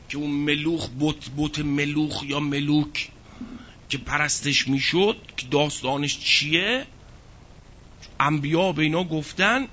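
A man giving a religious lecture who recites verses slowly and explains them with rhetorical questions. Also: fairly high pitch, pushed and bright. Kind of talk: Quran exegesis lecture. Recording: dull lo-fi recording.

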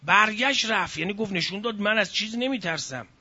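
A man preaching a sermon in a high, bright voice, telling the story with feeling and breaking into sighs and cries. The recording is dull and muffled, like an old lo-fi tape. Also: lively intonation.

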